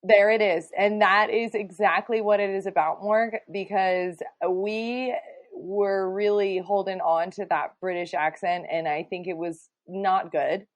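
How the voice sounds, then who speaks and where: A woman's voice: mid-range voice, steady tone, unhurried, no room sound, highs cut off. A woman co-hosting a podcast in casual, playful, teasing chat. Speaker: podcast co-host.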